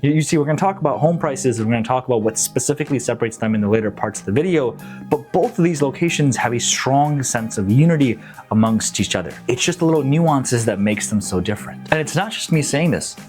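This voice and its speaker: A man's voice: medium pitch, expressive, fast talker, darkish tone, faint music behind. A young man from Nepal, a real estate agent, talking up local suburbs in a casual, upbeat and slangy promotional vlog.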